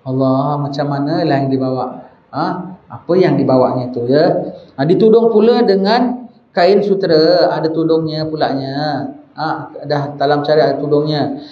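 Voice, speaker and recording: A man's voice: a little high, steady tone, moderate pace. A man with a Malaysian Malay accent preaching a sermon, bantering with the audience and mock-arguing in a rising, incredulous voice. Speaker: religious teacher. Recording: roomy, muffled recording with faint hiss.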